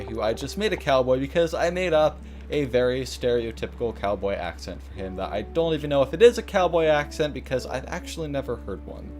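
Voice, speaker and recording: A man with a medium-pitched, somewhat dark voice hosts a let's play, giving loose, rambling commentary on his gameplay. He's self-deprecating and gets halting when reading.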